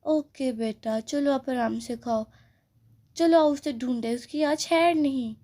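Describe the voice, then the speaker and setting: Bossy doll mom, a lady putting it on, lower than the kids but still high, mellow, scolding. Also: takes it slowly. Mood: calmer. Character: strict scolding mother doll. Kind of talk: doll play storytelling.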